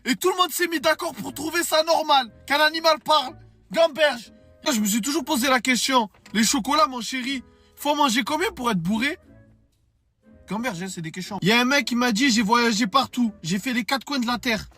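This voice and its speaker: A man's voice: extremely high pitch, a little fast, pushed and bright, dry recording, soft background music, exaggerated voice. A man voicing a dim-witted young man who rambles through silly questions in street slang. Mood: puzzled. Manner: rambling, puzzled street talk.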